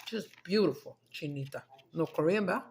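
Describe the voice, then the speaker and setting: A woman's voice: lowish voice, lively intonation, normal speed, creaky, darkish tone, a little hiss or hum. A middle-aged woman, chatting loosely while eating on camera, swearing and slipping into Spanish. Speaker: mukbang streamer. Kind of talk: casual chat while eating.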